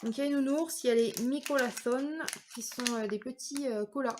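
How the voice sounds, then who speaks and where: A woman's voice: high-pitched, steady tone, brisk, background noise. A woman in her thirties from France, chatting casually through a product review vlog with many fillers and hesitations. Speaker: vlogger.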